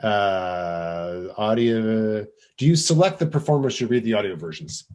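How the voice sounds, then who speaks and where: A man's voice: fairly low pitch, animated, unhurried, a little mellow. A male interviewer in a casual conversation, talking in a laid-back, hesitant way over a video call.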